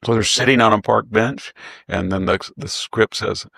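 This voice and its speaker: A man's voice: on the low side, steady tone, normal speed, vocal fry, fairly bright tone, no room sound. A man giving sarcastic political commentary in conversation, scornful and mocking as he mimics opponents.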